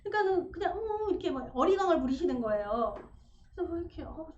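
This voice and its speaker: High-voiced woman preaching in a roomy church. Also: fast talker, highs cut off, a little hiss or hum. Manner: animated storytelling, acting out family dialogue. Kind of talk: sermon. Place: church sanctuary.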